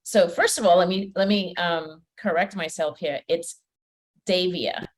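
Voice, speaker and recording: A woman's voice: fairly low pitch, steady tone, a little slow. A woman from Trinidad and Tobago hosting a podcast interview, chatty and welcoming, with frequent fillers. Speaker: podcast host and personal development coach. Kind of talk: conversational interview.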